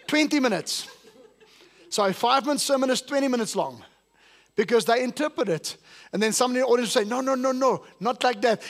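A man with an extremely high, slightly bright voice preaches a sermon at a church service, putting questions to his congregation. He is a South African pastor, and English is not his first language.

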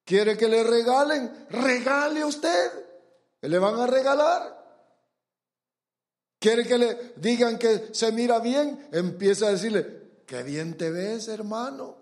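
High-voiced, slow, emphatic male preacher. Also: lively intonation. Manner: emphatic, asks the congregation rhetorical questions; acts out quoted voices. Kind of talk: sermon.

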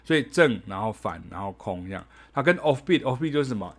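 A man's voice: mid-range voice, expressive, fast, heavy background noise. A man giving a casual spoken jazz lesson, chatting in a loose, rambling way and scatting rhythms aloud. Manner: chatty, ends phrases with a soft "ha", scats rhythms aloud. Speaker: jazz teacher.

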